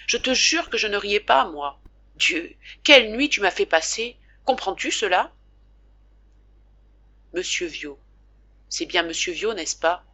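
A woman's voice: mid-range voice, bright, forceful tone, muffled recording. A woman reading as a doting, chatty father. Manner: chatty, scolding fondly. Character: doting talkative middle-aged father.

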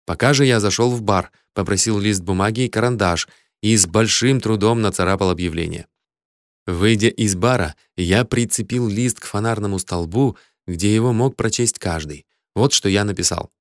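A man's voice: on the low side, normal speed, dry recording. A man narrating an adventure audiobook in the first person, telling it vividly from a close studio mic. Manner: vivid, shouts the hero's angry lines.

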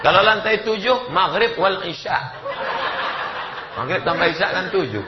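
A man's voice: high-pitched, measured pace, reverberant, a loud crowd, heavy background noise. A man preaching a humorous sermon, acting out dialogue and pronunciation for his listeners. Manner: animated, mimics dialogue and pronunciation. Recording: dull lo-fi recording.

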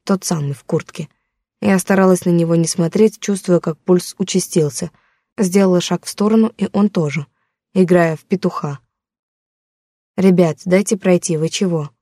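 A woman's voice: lowish voice, moderate pace, warm tone, dry recording. A woman narrating a first-person audiobook in a tense, dramatic storytelling manner, close to the mic.

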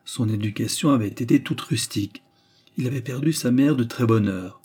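Man narrating a novel, audiobook, measured storytelling, mellow, husky tone. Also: medium pitch. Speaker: audiobook reader.

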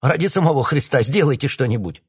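A man's voice: mid-range voice, animated, fast talker, slightly rough, pitched above the performer's own voice. A man reading an audiobook, voicing a desperate male captain who pleads in a raised, urgent voice. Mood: protesting.

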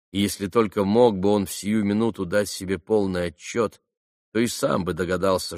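A man narrating a literary audiobook in a measured, earnest manner. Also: sits low, a little mellow, no room sound, studio quality.

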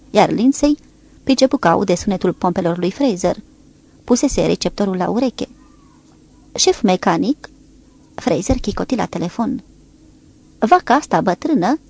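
A woman with a gravelly voice on the low side narrates a naval war novel for an audiobook. She reads in a measured, steady way, with a slight lift for the characters' lines.

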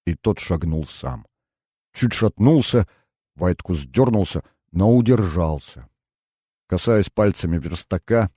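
A man reads a first-person novel in an unhurried, measured way. His voice sits very low with a dark, mellow color. The recording is dry and close to the mic. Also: no room sound. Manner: measured, storytelling. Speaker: audiobook narrator.

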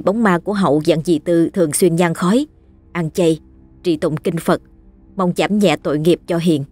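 A narrator telling a ghost story in a steady, scripted way. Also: medium pitch.

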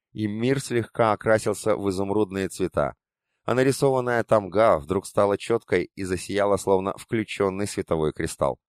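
A man narrates a first-person audiobook in a low, steady voice, measured and even as he tells the story. He was recorded on a close mic in a dry space with no room sound. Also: no echo.

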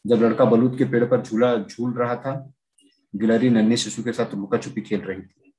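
A man narrating a children's story read aloud, steady and even. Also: medium pitch, moderate pace, low-quality recording.

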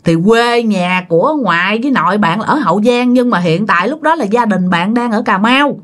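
A woman's voice: mid-range voice, moderate pace. A woman telling a ghost story casually, chatting directly to her listeners.

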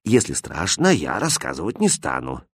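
A man voicing a gentle old grandmother in a storybook, speaking softly and soothingly. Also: rumbling low, huge pitch swings, normal speed, breathy edge, no echo, studio quality, pitched below the performer's own voice, full character voice. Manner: soft, soothing.

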